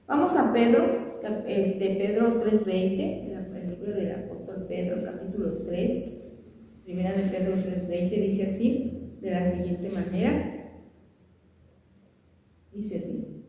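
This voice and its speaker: A woman pastor teaching a sermon, reading scripture slowly and then explaining it earnestly, often repeating and restarting her words. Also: mid-range voice, dark tone, slight background noise. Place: church sanctuary. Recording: echoey church hall, voice from far off.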